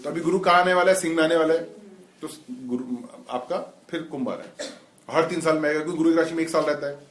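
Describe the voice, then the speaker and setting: A middle-aged man with a slightly high voice gives an informal class. He explains things and puts questions to the students. The room is echoey. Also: fast. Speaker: spiritual teacher.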